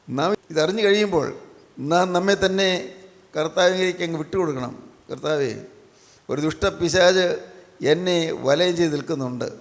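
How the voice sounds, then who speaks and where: Male preacher, emphatic sermon, repetitive phrasing, gravelly voice, long hall reverb. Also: high voice. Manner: emphatic, repeats key phrases.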